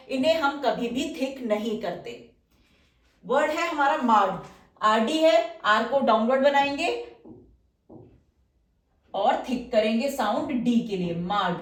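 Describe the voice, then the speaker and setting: A woman teacher giving a patient, step-by-step lesson, checking that her students follow along. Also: high-pitched.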